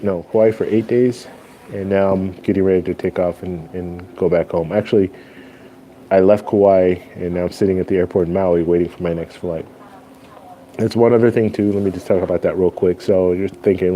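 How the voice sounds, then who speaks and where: Male streamer, low and very relaxed, chatting loosely with viewers over faint background noise. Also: poor audio. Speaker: live stream host. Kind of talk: casual live stream chat with viewers. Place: airport waiting area.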